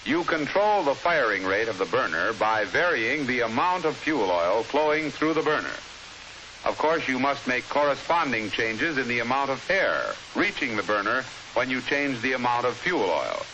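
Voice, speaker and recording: An American man narrates a scripted 1950s instructional film in a formal, measured, explanatory way. His voice is medium in pitch, and the old film soundtrack carries a steady hiss.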